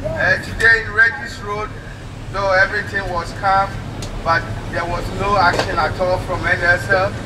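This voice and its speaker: A man's voice: high-pitched, flat delivery, moderate pace. A man, a striking worker, addressing a union rally through a megaphone in a plain, hesitant way. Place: outdoors at a street rally. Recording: distant, echoing, noisy street megaphone.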